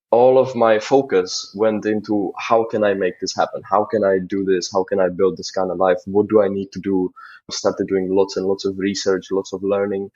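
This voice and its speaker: A young man from the Czech Republic talks as a podcast guest, earnest and rambling. His voice sits a bit low and sounds husky. The audio comes through dull and lo-fi. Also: a little mellow. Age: 20s. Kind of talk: casual interview talk.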